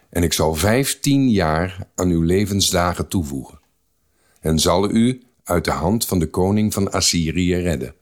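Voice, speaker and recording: Low-voiced man reading scripture solemnly. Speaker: Bible reader.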